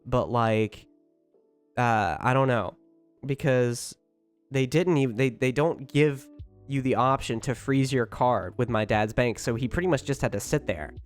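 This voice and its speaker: Over background music, this man keeps chatting informally with his livestream chat, rambling, never stopping and swearing freely. He speaks in an unhurried, mid-range voice.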